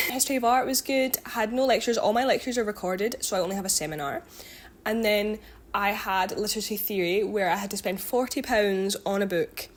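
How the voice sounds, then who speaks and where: A twenty-year-old woman chatting casually to her viewers, rambling with lots of ums and likes and correcting herself as she goes. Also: mid-range voice. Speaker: vlogger and student. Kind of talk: casual chatty catch-up vlog.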